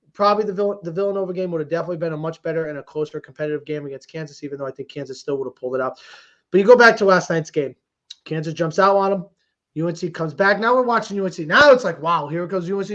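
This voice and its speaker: Co-hosting a sports podcast, a man with a fairly high, bright voice offers casual, emphatic commentary full of exclamations and repetition. The audio is dull and lo-fi.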